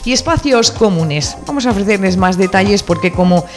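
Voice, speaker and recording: A woman presenting local radio news at a mid pitch, brisk and clear like a newsreader. Faint music sits behind her voice. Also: expressive. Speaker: radio host. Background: music bed.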